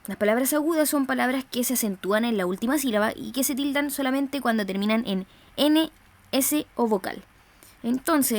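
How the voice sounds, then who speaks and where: A woman teacher with a Chilean accent giving a recorded grammar lesson, slowly stressing syllables and often checking in with her students. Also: a little high. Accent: Chilean Spanish. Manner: slow, emphatic stressing of syllables, frequent "¿cierto?" checks.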